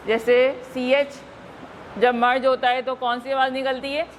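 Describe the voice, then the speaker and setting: A woman from Pakistan leading a teacher-training workshop, slowly modelling words and quizzing the class. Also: high-pitched, little pitch movement, background noise.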